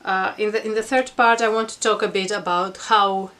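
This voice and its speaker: A woman's voice: medium pitch, fairly even intonation, moderate pace, fairly bright tone. A middle-aged woman giving an informal explanatory talk to camera in a reflective, earnest, conversational manner. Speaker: vlogger. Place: attic at home.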